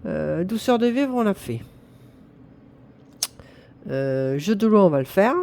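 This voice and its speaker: Chatty woman in her fifties, mellow voice. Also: medium pitch, sing-song, slow pace, creaky. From northern France. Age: 50s. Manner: chatty, talks to herself and viewers, counts aloud, self-mocking. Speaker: budget vlogger. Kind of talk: casual talk to camera while doing budget envelopes.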